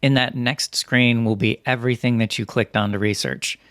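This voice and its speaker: A man reading scripted instructional narration as a software tutorial presenter, in a methodical, step-by-step way. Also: medium pitch, steady tone, moderate pace, clear, resonant tone, dry recording, studio quality.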